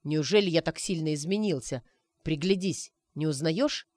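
A woman plays a cocky young man who teases a friend by pretending to be a wizard, in a playful, mock-mystical way. The voice sounds male, slightly high and darkish, near an everyday voice, at a moderate pace, recorded studio-clean with no echo.

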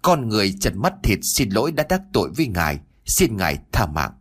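A man voicing a cruel old male sorcerer with a sneering, lowered voice in an audio story. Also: very animated, a little fast, fairly bright tone, breathy edge, heavily acted. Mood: pleading.

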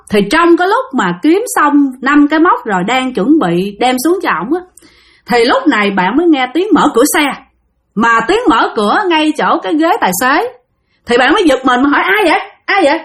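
A woman with a Southern Vietnamese accent tells a spooky story in a chatty, conversational way. She speaks straight to her listeners. Her voice sits fairly high and swings widely up and down. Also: sing-song, a little fast, a bit bright. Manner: chatty, addresses listeners directly, acts out quotes. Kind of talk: spoken ghost story narration.

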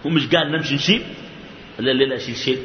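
A man with a Sudanese Arabic accent giving a colloquial sermon, moving between slow emphatic lines and quick asides. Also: mid-range voice, a little hiss or hum. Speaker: sheikh giving a religious lesson. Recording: echoey hall, dull lo-fi sound.

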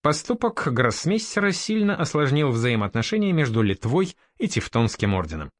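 A man voicing a soothing, hesitant male guild master in an audiobook, eager to smooth things over. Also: mid-range voice, big pitch swings, normal speed, pitched above the performer's own voice, lightly acted. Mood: placating. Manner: conciliatory, hesitant.

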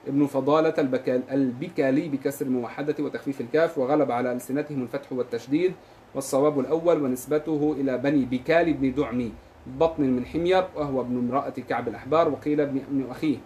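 رجل يقرأ نصًا تراثيًا في درس بسرعة، ويضبط الحروف والحركات كلمةً كلمة. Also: male voice, mid-range voice, fairly even intonation, darkish tone, slight background noise. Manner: reads quickly, spells out vowels and letters. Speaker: reader of the text in a lesson. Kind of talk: rapid recitation of a classical text.

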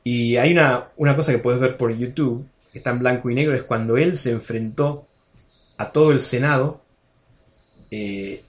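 A man in his sixties with an Argentine accent, a radio guest telling stories in a chatty way, full of restarts and asides. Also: medium pitch. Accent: Argentine Spanish. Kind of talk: casual storytelling interview.

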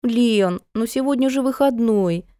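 A woman reader puts on a frantic, whiny sister in a storybook reading, pitched well above the narrator and pushed loud. She is shrill and pleading, with a mellow, dark tone under it, recorded dry. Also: a little slow, clear, resonant tone, no room sound, natural voice. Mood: whining.

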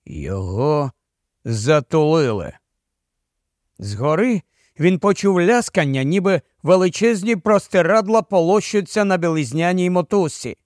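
A man's voice: on the high side, animated, a little slow, no echo, clean studio sound. A man narrating a horror audiobook in a dramatic, tense storytelling manner. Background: faint music.

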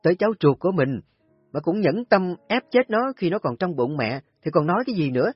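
A shrill, scornful young daughter-in-law, put on by a male storyteller, yelling taunts in a high, husky strained voice. The storybook recording is dull and lo-fi, with soft music underneath. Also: animated, moderate pace, no room sound. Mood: scornful shouting. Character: spiteful young woman, sharp-tongued shrewish daughter-in-law. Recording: dull lo-fi audio with faint music.

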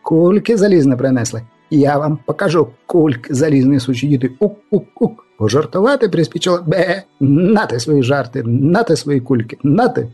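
A man voicing a furious, shaggy goat-horned male creature who bleats and yells at intruders. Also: fairly high pitch, expressive, normal speed, husky, faint music behind, voice pushed up. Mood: furious bleating. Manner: bleating, shouting wildly.

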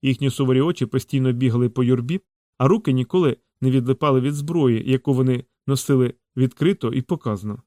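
A man's voice: mid-range voice, quick pace, mellow, no room sound. Man narrating an audiobook, dry close sound.

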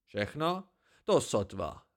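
A man voicing a wise, dryly scornful old hermit in an amateur audiobook reading, slow and emphatic. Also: mid-range voice, very animated, lightly acted. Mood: lecturing.

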